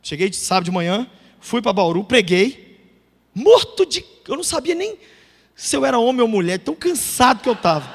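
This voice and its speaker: A middle-aged pastor preaches with a fairly high voice, telling his story with lively, dramatic emphasis. The sound carries a long reverb from the hall he speaks in, and he acts out the quoted voices as he goes. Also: fairly quick. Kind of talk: sermon testimony.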